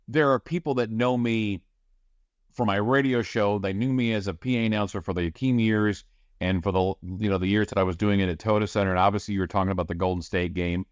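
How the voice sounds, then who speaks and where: There's no room sound around this middle-aged man, whose voice is on the low side. A play-by-play broadcaster on the radio, he gives rambling, chatty answers in a casual podcast interview, often restarting his sentences.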